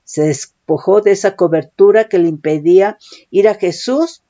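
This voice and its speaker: A woman's voice: mid-range voice, moderate pace, warm tone. A woman preaching a sermon, often calling listeners "brother" and checking in with "right?". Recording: dull lo-fi recording.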